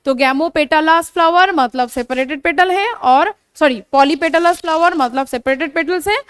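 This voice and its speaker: A young woman with a high, clear voice gives a biology lecture, repeating key terms and often pausing to check that the class is following. She catches and corrects her own slips as she goes. The sound is dry, with little room echo. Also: a bit bright. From India. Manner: explanatory, repeats terms, frequent "theek hai" check-ins, self-corrects. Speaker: biology teacher. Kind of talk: classroom lecture mixing Hindi and English terms. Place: coaching classroom.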